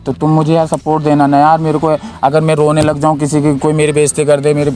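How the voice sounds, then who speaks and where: A man's voice: a little high, completely flat delivery, fast, darkish tone. A young man hosting a prank video, chatting up a stranger in a teasing, pleading, playful way. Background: background music.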